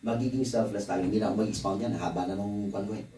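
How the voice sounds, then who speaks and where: A man's voice: fairly low pitch, steady tone, fast talker, mellow, reverberant, distant mic, slight background noise, low-quality recording. A man preaching a conference sermon in a conversational, joking way, with asides to the congregation. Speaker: pastor. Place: church hall.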